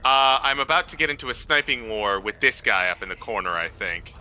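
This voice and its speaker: A man playing a tabletop game, talking through tactics in a deliberate, questioning way. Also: medium pitch, animated, pushed and bright, a little hiss or hum, rough recording. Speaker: player. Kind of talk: casual tabletop play.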